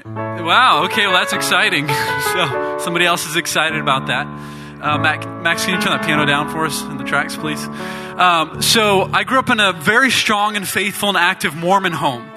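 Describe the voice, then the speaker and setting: With music playing in the background, a young gospel band member from Indiana tells a church audience his testimony, joking as he goes. He speaks from the stage at a moderate pace, his pitch fairly high.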